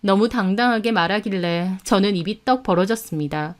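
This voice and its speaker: A woman's voice: medium pitch, normal speed. A woman with a mid-range voice narrates a first-person story. She tells it in an indignant, dramatic way, as if recounting a betrayal to listeners.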